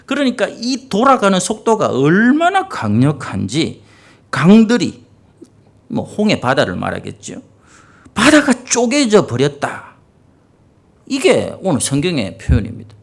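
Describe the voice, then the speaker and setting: Middle-aged pastor, gravelly, wildly swooping delivery, early-morning sermon. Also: male voice, a little high, moderate pace. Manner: vivid, animated storytelling with rhetorical questions. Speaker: senior pastor.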